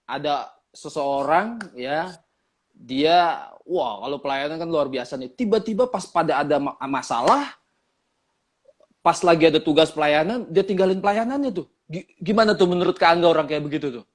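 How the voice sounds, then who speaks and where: A male talk show host with a fairly high voice keeps chiming in with quick agreements. His pitch moves up and down a lot, and he asks playful questions. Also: lively intonation. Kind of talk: casual talk show hosting.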